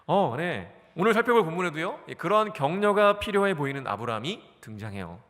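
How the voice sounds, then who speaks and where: A man's voice: a little high, fairly quick, big-room sound. A male pastor in his forties giving a sermon in a church, asking his listeners questions and answering them himself. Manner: animated, asks the congregation questions and answers them. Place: church sanctuary.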